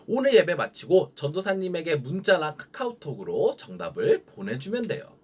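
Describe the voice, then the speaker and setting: A young man preaching a children's sermon, telling the story in a gentle, sing-song way for kids. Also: on the high side, very animated, normal speed, breathy edge.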